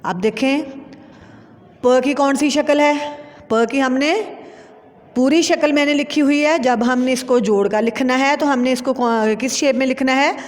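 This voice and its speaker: A woman's voice: high-pitched, measured pace, long reverb tail. A woman teacher with a Pakistani Urdu accent, patiently spelling out words letter by letter in a lesson for young children. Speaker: school teacher.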